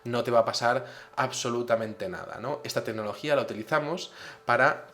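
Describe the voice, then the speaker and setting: Friendly telepathic alien, male, calm reassuring explanations, voiced by a man narrating. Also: mid-range voice, fairly quick, close to an everyday voice.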